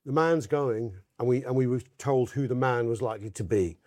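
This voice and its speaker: A man's voice: mid-range voice, brisk, darkish tone. Male podcast host, casual and jokey, mid-range voice. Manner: chatty, jokey, reads sponsor copy with asides. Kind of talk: casual football podcast chat.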